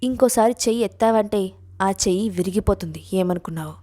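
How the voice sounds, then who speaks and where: A woman reading a story voices a fierce, short-tempered young college woman who shouts angrily. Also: mid-range voice, fairly quick, close to an everyday voice. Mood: angry. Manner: angry shouting.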